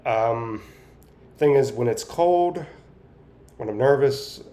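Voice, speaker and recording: A man giving a casual, halting personal update, with effortful, impaired articulation as he talks biting down on a straw held in his teeth. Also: medium pitch, expressive, warm tone. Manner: talking through clenched teeth, biting on a straw. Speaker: vlogger sharing speech progress.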